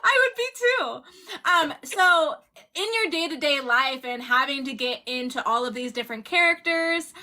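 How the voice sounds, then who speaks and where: High bright bubbly woman from florida hosting a live chat. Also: expressive, normal speed. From Florida, USA. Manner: bubbly, gushing interviewer. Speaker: podcast co-host. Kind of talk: casual interview chat.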